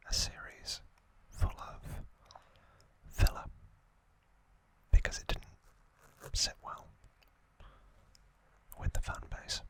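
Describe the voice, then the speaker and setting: A male ASMR host whispers trivia breathily and unvoiced, right up against the mic, lingering on phrases and stopping frequently. His tone is bright and forceful, and the recording quality is low.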